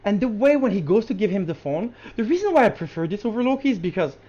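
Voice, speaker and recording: Podcast co-host, casual film chat, excitable, many restarts, slightly muffled lo-fi audio. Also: medium pitch, fast talker.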